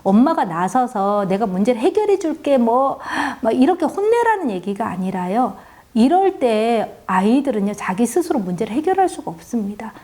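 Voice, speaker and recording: A woman talks to the camera about raising children, earnest and confessional. Her voice sits a little high but stays mellow and warm. She leans gently on the ends of her phrases as she advises other parents. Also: sing-song, normal speed. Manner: earnest and confessional, softly stressing phrase endings. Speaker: parenting educator and mother.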